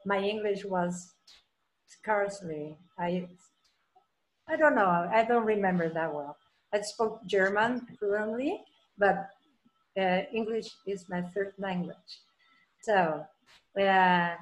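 Peruvian-born woman on a video call, talks slow and halting, roomy echo. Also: mid-range voice. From Peru. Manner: halting, many restarts and fillers. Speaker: presenter, trauma clinician. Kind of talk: online roundtable talk. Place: room at home. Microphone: laptop webcam, video call. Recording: echoey room on a video call.

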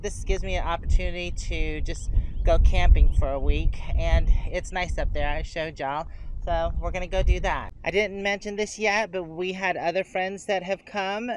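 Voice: mid-range voice, fairly bright tone, a little hiss or hum, rough recording. An RV camping vlogger narrating casually outdoors and from a truck, chatting easily and talking to their dogs along the way. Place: outdoors and in a truck on forest roads.

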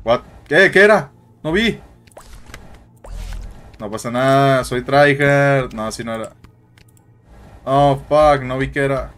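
A man narrates his gameplay in a jittery, excitable stream of commentary. He drops English slang into his Spanish, and his voice sits at an ordinary middle pitch. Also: slow, long pauses, soft background music. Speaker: gaming YouTuber. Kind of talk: let's play commentary.

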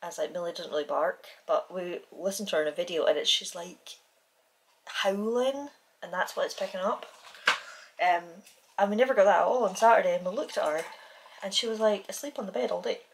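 A woman's voice: fairly low pitch, fairly quick, gravelly, a little hiss or hum. A woman in her thirties with a British accent, chatting casually to a handheld camera at home. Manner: chatty and rambling, scolding her dog playfully. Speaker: vlogger. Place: home kitchen and living room. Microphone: handheld camera at arm's length.

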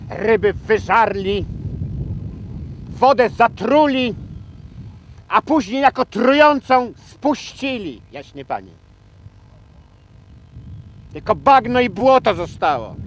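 An actor playing a fawning, old-fashioned male servant who lingers on his pauses and swells into theatrical declamation. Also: medium pitch, a little hiss or hum, lightly acted, low-quality recording. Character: fawning old-world male servant, lamenting a lost estate. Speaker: servant guiding a count through the estate. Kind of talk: film acting.

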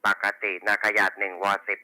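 A man's voice: normal speed, sharp tone, no room sound. A man working as a police radio dispatcher, reading back station reports and call signs in formulaic procedure over a walkie talkie. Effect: two-way radio.

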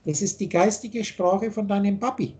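An older man, a spiritual teacher, holds forth insistently on spiritual ideas over a video call from his home office, gesturing a lot. His voice is high and darkish in tone at a normal speed, picked up by a webcam mic.

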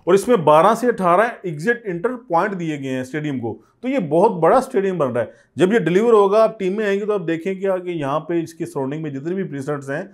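A man in his thirties with a Pakistani Urdu accent, a real estate agent giving a persuasive sales pitch to camera in an office studio on a lapel mic. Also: animated, fast, hardly any pauses. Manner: persuasive, urging viewers to buy. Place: office studio set, indoors.

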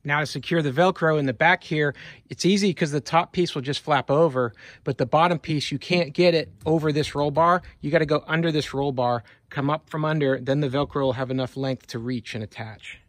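On the high side and fairly quick, the voice belongs to a man hosting his channel's casual how-to video. He's outdoors beside a vehicle with a handheld phone, explaining step by step in a plain, relaxed manner, and there's no room sound.

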